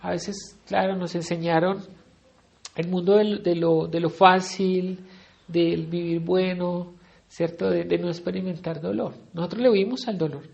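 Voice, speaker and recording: A man's voice: high voice, fairly even intonation, a little slow, gravelly, a little mellow, lo-fi sound. A middle-aged man with a Colombian accent teaching a Bible study sermon in a conversational way, often asking his listeners questions. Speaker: preacher.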